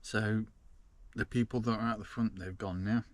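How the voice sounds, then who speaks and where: Deep-voiced man chatting in a van. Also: fairly even intonation, moderate pace, dry recording. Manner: chatty, rambling with many ums. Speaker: van-life vlogger. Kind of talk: casual chat to camera. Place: inside a small parked van.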